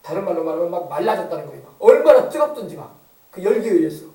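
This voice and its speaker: A man's voice: sits high, sing-song, racing, warm tone, reverberant, distant mic, rough recording. A male pastor preaching an emphatic sermon, often asking the congregation to agree. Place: church sanctuary.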